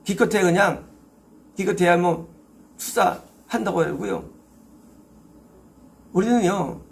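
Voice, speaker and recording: A man's voice: sits high, gravelly. A male pastor preaching an expository sermon, emphatic, asking rhetorical questions and answering them himself.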